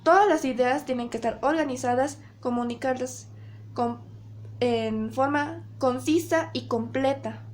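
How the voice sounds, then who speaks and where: Young female student presenting a lesson, higher-pitched, unhurried, pauses and restarts often. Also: darkish tone, slight background noise. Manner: hesitant, self-correcting, searching for words. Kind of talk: class presentation on public speaking.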